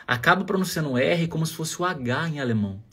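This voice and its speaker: A man's voice: on the high side, expressive, fast, pushed and bright, slightly rough. A Brazilian man from Bahia with a Bahian accent, teaching German pronunciation in a chatty online lesson and modeling sounds aloud. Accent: Bahian Brazilian Portuguese.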